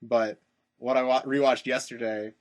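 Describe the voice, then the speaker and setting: A young man with a mid-pitched, ordinary voice talks casually as a podcast co-host. He is chatty, throws in quick asides and fills pauses with filler words. He is recording at a friend's house. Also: little pitch movement. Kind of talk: casual chat.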